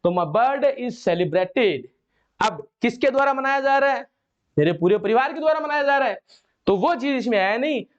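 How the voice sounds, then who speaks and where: A man's voice: very high voice, animated, fairly quick, muffled recording. A man from India teaching English grammar to a class, explaining step by step and repeating his own questions before answering them.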